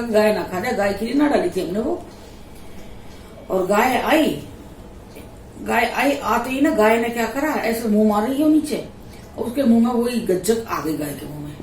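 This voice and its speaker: Vlogger mom, middle-aged woman, lively laughing storyteller; a bit off-mic in an echoey room with faint background hum. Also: mid-range voice. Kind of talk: casual storytelling chat. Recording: echoey room, voice a little distant.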